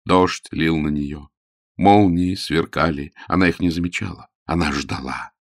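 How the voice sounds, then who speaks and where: A man narrating an audiobook in a measured storytelling manner and shifting his voice for each character. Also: very deep voice, dry recording, clean studio sound.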